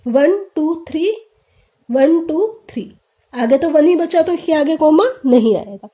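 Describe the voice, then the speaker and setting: A woman's voice: very high-pitched, dark tone. A woman teaching a math lesson, explaining step by step and asking questions that she answers herself. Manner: explains step by step, often asks and answers her own questions. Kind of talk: classroom math lesson for children.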